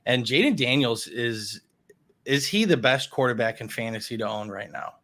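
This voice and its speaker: Brief: chatty male podcast host, mid-pitched, casual sports banter. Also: expressive, moderate pace, pushed and bright. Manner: upbeat, chatty, laughs often.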